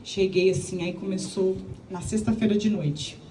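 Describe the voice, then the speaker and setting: A woman's voice: medium pitch, normal speed, a little hiss or hum. Echoey, distant woman with a Minas Gerais accent. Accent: Minas Gerais Brazilian Portuguese. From Minas Gerais, Brazil. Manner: animated storytelling, acting out dialogue, chatty asides. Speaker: speaker giving a church testimony. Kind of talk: personal testimony to a live audience.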